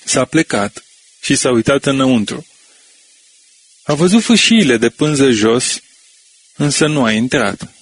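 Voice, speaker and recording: A man with a husky, slightly breathy voice reads scripture aloud. His delivery is steady and measured, with slow pauses between phrases. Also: medium pitch. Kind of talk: scripture reading.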